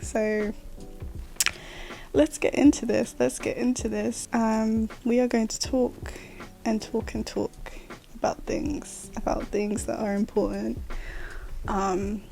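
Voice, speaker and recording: She speaks slowly and pauses often, her slightly high voice gravelly and dark, held in a level tone. The speaker is a woman in her late twenties rambling through a casual solo podcast, laughing and using fillers.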